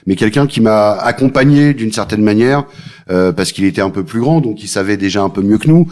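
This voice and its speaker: Low-voiced man, halting and warm in praise. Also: animated. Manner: hesitant, full of pauses and fillers. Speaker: guest paying tribute. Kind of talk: casual chat.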